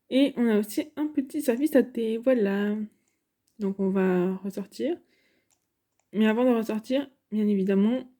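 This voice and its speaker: A woman's voice: medium pitch, mellow. A woman giving casual, chatty commentary over game footage, hesitant and full of fillers. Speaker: gaming YouTuber.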